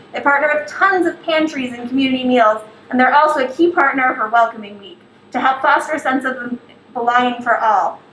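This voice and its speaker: A woman's voice: sits high, fairly bright tone. A woman hosting a live cooking show, upbeat and talking straight to the viewers at home. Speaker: host. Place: kitchen. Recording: echoey kitchen, faint background noise.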